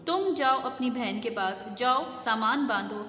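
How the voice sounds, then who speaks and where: A woman's voice: a little high, lively intonation, bright, forceful tone. A woman reading as a barking, angry husband. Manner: barking, commanding. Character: angry stern middle-aged husband. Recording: echoey room.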